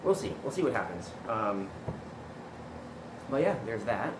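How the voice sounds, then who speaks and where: A man's voice: on the low side, sing-song, measured pace, noisy background. A man hosting a casual craft tutorial vlog, talking in a rambling, informal way with loose asides, recorded in a basement. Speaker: video host. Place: basement room indoors.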